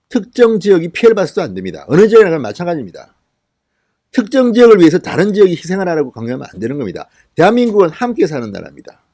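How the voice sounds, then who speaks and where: A man's voice: on the high side, darkish tone, dry recording, studio quality. A middle-aged man from the Gyeongsang region hosting a political commentary show, speaking indignantly and firing off rhetorical questions. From Gyeongsang region, South Korea.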